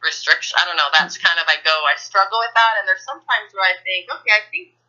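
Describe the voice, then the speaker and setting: Woman caller on a dull phone line, very bright voice, halting and searching for words. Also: medium pitch. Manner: halting, full of restarts and fillers. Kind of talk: casual coaching call.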